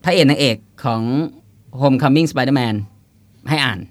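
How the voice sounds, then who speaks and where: A man's voice: medium pitch, takes it slowly, dry recording. A man co-hosting a casual chat show about upcoming films, joking and laughing easily as he talks. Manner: jokey, laughs often, many restarts. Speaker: co-host.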